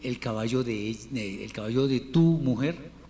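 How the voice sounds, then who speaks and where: A man teaching a Hebrew class, patiently drilling word forms and repeating them slowly for his students. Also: mid-range voice, dark tone. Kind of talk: classroom lesson. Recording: reverberant room with faint noise.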